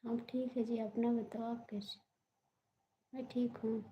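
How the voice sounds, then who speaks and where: A young woman with a high voice hosts a casual live stream. She talks slowly and reassuringly, answering viewers' comments as she goes. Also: little pitch movement, warm tone, muffled recording.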